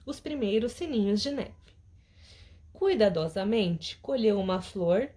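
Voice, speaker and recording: A woman's voice: mid-range voice, expressive, unhurried, dark tone. A woman teacher recording a lesson at home, patiently going over homework answers and often checking with her students. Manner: explains patiently, keeps asking "tá?".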